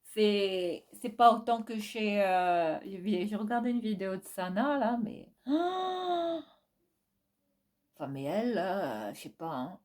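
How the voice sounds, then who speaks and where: A woman's voice: medium pitch, expressive, slow pace, darkish tone. A woman with a Réunionese accent, casually answering viewer questions in a vlog, frank and teasing, laughing often as she talks. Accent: Réunionese French.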